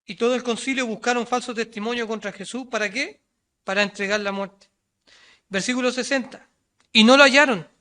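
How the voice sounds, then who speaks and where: High, bright-voiced Chilean preacher. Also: male voice, fairly even intonation, brisk. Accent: Chilean Spanish. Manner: asks rhetorical questions and answers them, reads scripture aloud; voice rises loud and high when quoting the crowd, drops low and quiet on asides. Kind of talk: sermon.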